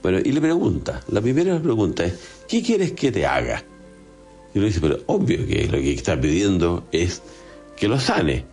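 With soft music behind him, a Chilean man preaches a homily on a gospel passage in a low, slightly mellow voice with a sing-song lilt and a brisk pace. His delivery stays conversational, and he often ends points with quick questions.

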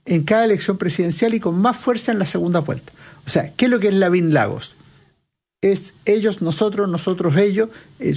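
A man with a notably high voice, speaking as an analyst in an interview. He explains at length in a lecturing manner, raising his own questions and answering them point by point. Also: darkish tone. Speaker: political analyst guest.

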